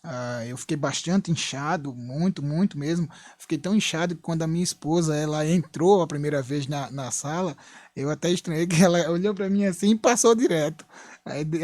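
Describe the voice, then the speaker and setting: A man's voice: fairly high pitch, darkish tone, no room sound. A young Brazilian man earnestly telling a personal testimony in church, retelling events with frequent asides. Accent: Brazilian Portuguese. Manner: earnest, repetitive storytelling with frequent "né?". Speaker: church member giving testimony.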